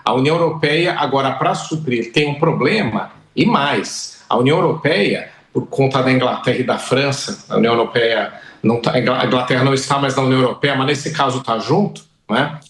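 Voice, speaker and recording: A Brazilian man, a professor of international relations, explains a point in a news interview, pausing and correcting himself as he goes. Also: mid-range voice, a bit bright, echoey room. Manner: explanatory, with restarts and self-corrections.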